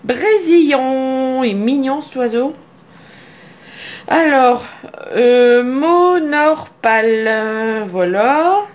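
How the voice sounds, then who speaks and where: A woman's voice: high voice, very slow. A middle-aged woman from France opening trading card packs at home, chatting to herself as she reads out each card name. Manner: chatty, reading card names aloud, musing to herself. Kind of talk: casual card-opening commentary. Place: home, indoors.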